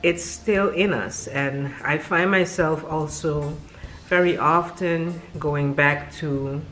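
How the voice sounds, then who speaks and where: Brief: young West Indian woman, very low voice, unhurried storytelling vlog, faint music behind. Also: steady tone, fairly bright tone. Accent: West Indian Caribbean. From West Indies. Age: young adult. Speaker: vlogger. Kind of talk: casual storytelling to camera.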